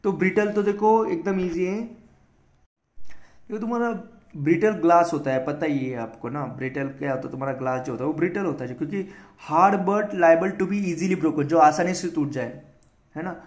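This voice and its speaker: An Indian man with a fairly high voice teaches English words for exam prep. He spells each word out letter by letter, then explains it in a casual mix of Hindi and English. The sound has a noticeable room echo. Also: fairly quick, darkish tone. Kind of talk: casual spoken lesson.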